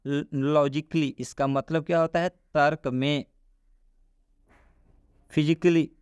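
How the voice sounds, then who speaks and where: A man's voice: on the high side, darkish tone, smooth, no room sound. A man teaching English pronunciation rules, repeating each rule and quizzing the listener. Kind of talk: classroom-style explanation.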